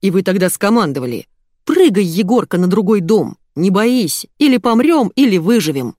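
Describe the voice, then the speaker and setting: A woman voicing a burly male bodyguard with a hoarse bass voice, coaxing his old boss. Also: big pitch swings, moderate pace, darkish tone, no echo, clean studio sound. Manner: coaxing, persuasive.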